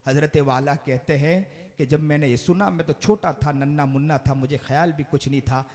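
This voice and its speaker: A man preaching an emotional sermon, rising into fervent shouts and repeating pious invocations to a gathering. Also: on the high side, steady tone. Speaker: Islamic preacher. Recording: long hall reverb.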